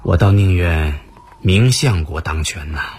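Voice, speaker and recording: A scheming court official. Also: male voice, low voice, lively intonation, measured pace, darkish tone, slight background noise. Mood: worried. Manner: fawning to superiors, bitter and plotting. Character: scheming male court official, servile yet vengeful. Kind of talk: radio drama acting.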